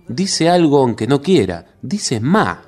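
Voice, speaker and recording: A man's voice: medium pitch, very animated, slow pace, a little mellow, soft background music. Man voicing Margarita, an anxious young woman. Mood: pondering. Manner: spiraling, worried musing.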